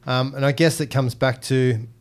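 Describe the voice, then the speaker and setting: A man's voice: medium pitch, steady tone, moderate pace. A man chatting and bantering as a podcast co-host, close on a studio mic. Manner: jokey, questioning. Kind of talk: casual bantering chat. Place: small indoor podcast studio. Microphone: close boom-arm studio mic with headset.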